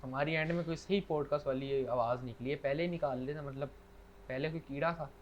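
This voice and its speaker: A fairly high-voiced man co-hosts a podcast over an internet call, speaking a little fast in a steady tone. He mixes casual conversation with recited couplets. The recording carries the dull quality of a lo-fi online call and faint background noise.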